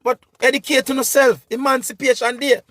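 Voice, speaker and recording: A man's voice: extremely high pitch, level tone, normal speed, a bit bright. A man with a Jamaican accent giving an impassioned, repetitive political rant as a vlogger.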